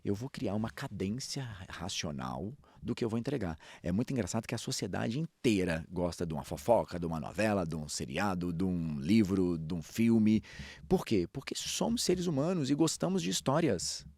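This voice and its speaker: A man who speaks and coaches public speaking, talking in a storytelling way, with lively jumps in pitch and pace. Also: moderate pace, slightly rough, no echo, clean studio sound. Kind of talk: podcast talk on public speaking.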